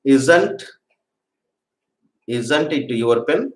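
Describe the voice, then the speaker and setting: A man teaching a spoken English grammar lesson, patiently repeating example sentences slowly for learners to drill. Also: mid-range voice, lively intonation. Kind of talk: classroom-style grammar lesson. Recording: echoey room.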